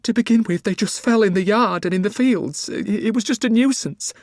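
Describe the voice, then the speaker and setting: A man reading aloud voices a desperate young farmer's wife, pitching his voice high and strained with grief. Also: fairly quick, no room sound, clean studio sound, close to an everyday voice. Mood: frantic, tearful.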